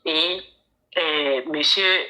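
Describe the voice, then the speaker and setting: A woman with a fairly low but bright, forceful voice tells her own story on a call. She speaks haltingly and often repeats words as she goes. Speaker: caller telling her story.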